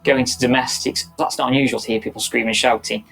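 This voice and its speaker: A middle-aged police officer talks through a night's events in a documentary interview. His delivery is steady and matter-of-fact, and his pitch barely moves. Soft music plays faintly behind him. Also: quick pace, gravelly, rough recording. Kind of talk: documentary interview recounting a shift.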